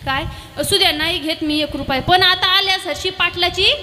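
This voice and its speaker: A woman's voice: very high-pitched, moderate pace, in a large hall. A woman preacher voicing a persistent, insistent wandering male devotional singer in her story. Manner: insistent, calling out.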